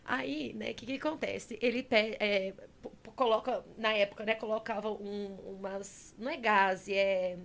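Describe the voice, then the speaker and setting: A young adult woman hosting a podcast, telling a story in a lively, animated way and acting out what other people said. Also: mid-range voice, moderate pace, vocal fry. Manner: animated storyteller, acts out quotes. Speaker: podcast host. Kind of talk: casual interview chat.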